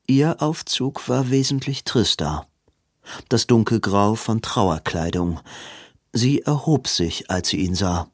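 A male audiobook narrator reads scripted narration from a novel, keeping an even, measured storytelling style. His voice sits on the low side, and the studio-quality recording has no echo.

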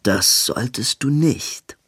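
A hesitant man in an audiobook, speaking low, slow and hushed with a rough edge, as a male narrator voices him. The sound is close and dry, with no room around it. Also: expressive, dry recording, exaggerated voice. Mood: strained.

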